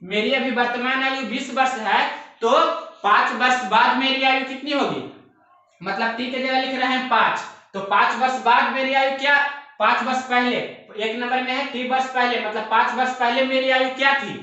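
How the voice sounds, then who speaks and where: Here the young math teacher's voice is very high and sharp, with fairly even intonation at normal speed, and the highs are cut off. He explains an exam-prep lesson step by step in a very echoey room, often repeating himself and asking rhetorical questions.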